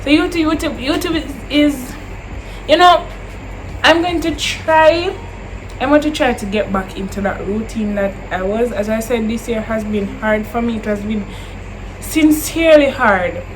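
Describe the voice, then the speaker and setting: With a fairly high-pitched voice and a slightly slow pace, a twenty-year-old Jamaican woman answers viewer questions in a casual chat to camera. She repeats herself and lapses into Creole phrasing, and background noise is present.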